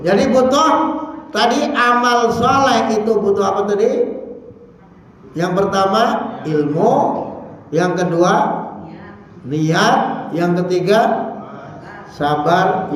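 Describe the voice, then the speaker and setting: A man preaching a dawn sermon in a mosque, lively and teasing, asking the audience questions and swinging between high stresses and low mutters. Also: heavy reverb, big-room sound, rough recording.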